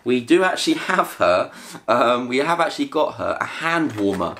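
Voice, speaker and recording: Chatting casually about gear from his sofa, a British man in his thirties who runs a family vlog talks at a normal speed in a sing-song, fairly bright, mid-range voice. He's upbeat and talkative, laughing between items in this product haul. A front-facing camera on a tripod captures him with a little hiss or hum.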